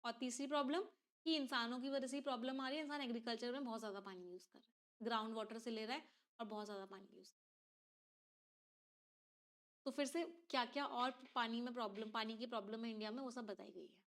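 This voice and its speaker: A woman's voice: a little high, fast, a bit bright. A woman teacher explains an exam passage step by step and keeps asking her class questions. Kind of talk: exam reading-comprehension lesson.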